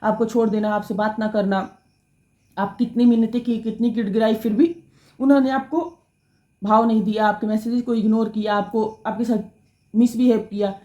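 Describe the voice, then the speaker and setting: A woman reads tarot cards at a quick clip, talking straight to her audience and often restarting her sentences. Her voice sits a little high and sounds mellow rather than bright. The room around her is noticeably echoey. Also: fairly even intonation, lo-fi sound. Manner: rapid, self-correcting, addresses viewers directly. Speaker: tarot reader. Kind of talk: fast-paced tarot reading to camera.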